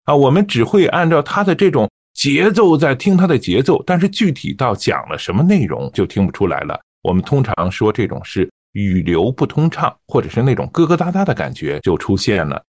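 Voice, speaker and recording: A man coaching listeners on reading aloud, explaining in a calm, measured way with small fillers. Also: medium pitch, no room sound, studio quality. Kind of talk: teaching on-air reading technique.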